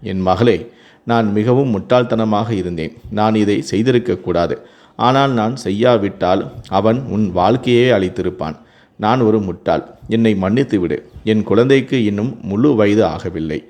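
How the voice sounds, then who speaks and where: A man voicing a widowed village mother who pleads and apologizes to her daughter, in a low, plain reading voice. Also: measured pace, darkish tone, lightly acted. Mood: remorseful.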